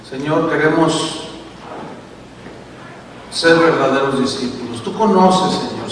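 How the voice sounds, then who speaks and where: A man's voice: fairly high pitch, background noise. A male pastor preaching a sermon, telling a story dramatically and speaking to the congregation. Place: church hall. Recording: echoey church hall from far off.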